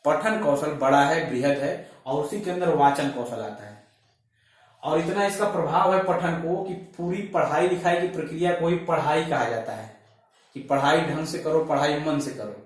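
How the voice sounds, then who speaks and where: A man's voice: fairly high pitch, normal speed, recorded from a distance. A man giving a teaching lecture on language skills, listing his points one by one in a methodical way. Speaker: teacher trainer. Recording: echoey room, voice off-mic.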